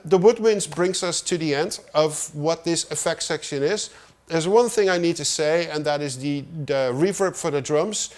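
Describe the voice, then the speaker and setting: A middle-aged man, a music producer, casually walking through his studio setup in a tutorial, with relaxed, self-deprecating asides. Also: a little high.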